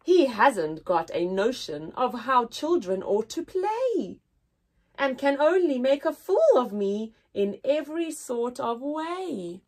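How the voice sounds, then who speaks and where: A woman with a high-sitting, breathy voice takes her time reading to little kids during story time. She's a teacher, and her reading is expressive and sing-song, brimming with exaggerated wonder.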